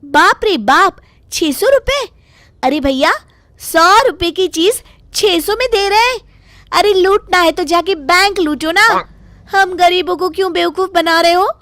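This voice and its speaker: Woman voicing a feisty young village bride, very high voice, slow, cartoon. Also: fairly bright tone. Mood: indignant. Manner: indignant, bargaining. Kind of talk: cartoon voice acting.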